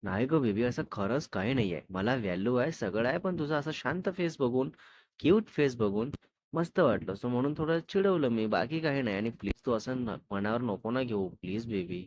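A man's voice: mid-range voice, animated, normal speed, darkish tone, lightly acted. A man reading the part of a playful, apologetic young man in a spoken love story, in a coaxing tone. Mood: coaxing teasing.

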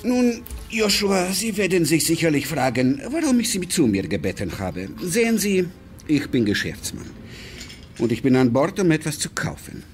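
With a voice on the high side and big pitch swings, an actor portrays a suave, fatherly, controlling businessman in a radio crime drama. He speaks deliberately and courteously, veiled menace underneath, in a smug, probing mood.

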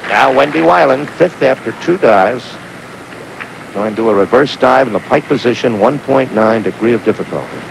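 A man's voice: medium pitch, animated, moderate pace, gravelly. A man giving live sports commentary on an old, noisy outdoor broadcast. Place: outdoor diving stadium.

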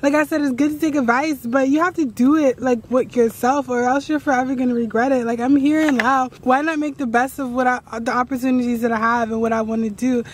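A tired woman in a rambling, excitable casual vlog to camera, recorded outdoors at night on a handheld phone after a long ride. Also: sits high, brisk, few pauses, slight background noise. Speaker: travel vlogger.

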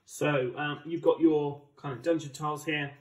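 A man's voice: a little high, fairly even intonation, moderate pace. A man with an English accent giving chatty, enthusiastic, casual unboxing commentary as a board game channel host. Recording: roomy, distant microphone.

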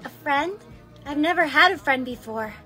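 A woman with a high voice performing skit dialogue, very emotive and shifting easily between fear and excitement. Light background music plays faintly behind her. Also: normal speed. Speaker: lead in a storytime skit.

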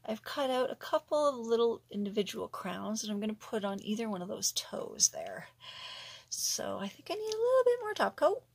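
A middle-aged woman with a gravelly, husky voice chats her way through a home nail art tutorial. She murmurs to herself as she works and slips into soft whispers now and then. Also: on the high side, wildly swooping pitch, moderate pace. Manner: chatty, talks to herself while working, drops into whispers. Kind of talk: casual tutorial chat.

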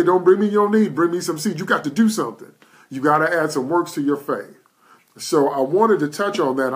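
A man's voice: on the high side, fairly bright tone. A man preaching a live-streamed sermon in an emphatic, repetitive cadence, often checking in with "okay?". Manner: asks "okay?" to check in with listeners. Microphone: live stream setup.

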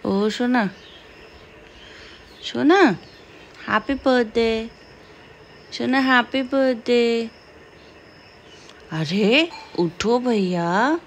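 A woman's voice: medium pitch, slight background noise. A woman in her thirties filming a casual family vlog, coaxing her child in sing-song baby talk as a mother. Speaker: vlogger, mother.

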